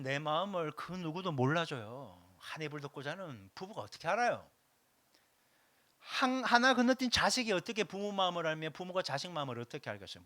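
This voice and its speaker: A man delivers a Sunday sermon in a high, bright voice that swings widely in pitch. He preaches emphatically and hammers key phrases through repetition. His questions go straight to the congregation, and the sound is close and dry. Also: dry recording. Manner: asks the congregation direct questions. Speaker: pastor.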